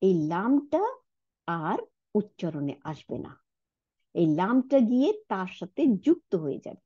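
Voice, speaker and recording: A woman giving a recorded Arabic lesson, explaining step by step and often checking understanding with a quick "right?". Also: medium pitch, sing-song, dry recording, muffled recording. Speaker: Arabic teacher.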